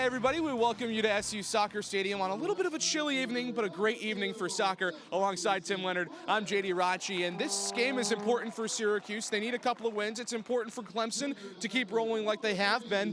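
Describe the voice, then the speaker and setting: This young man in his early twenties does live sports play-by-play and show openings as an announcer and host. His voice sits high and moves fast with hardly a pause, delivered in a polished, emphatic broadcast style.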